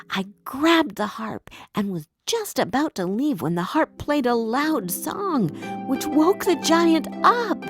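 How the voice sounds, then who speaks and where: A woman expressively narrates a scripted bedtime story for young children, telling it as the main character. Her voice is a little high, with vocal fry.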